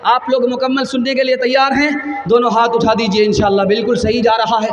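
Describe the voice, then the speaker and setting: A male Islamic preacher speaking rapidly to a gathering, telling comic examples and teasing the crowd to raise their hands. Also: very high voice, level tone, lo-fi sound. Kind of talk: religious gathering speech with comic anecdotes. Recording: roomy echo, faint music behind.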